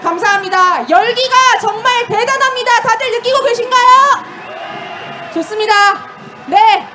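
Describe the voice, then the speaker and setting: A woman leading a street march in call-and-response chanting, shouting slogans and urging the crowd to answer. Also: very high-pitched, unhurried. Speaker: rally chant leader. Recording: loud outdoor crowd and street noise.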